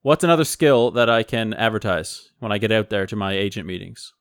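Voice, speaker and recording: A man hosting a podcast who asks dry, deadpan questions while playing a talent agent. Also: fairly low pitch, fairly quick, clear, resonant tone, dry recording. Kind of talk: casual podcast banter.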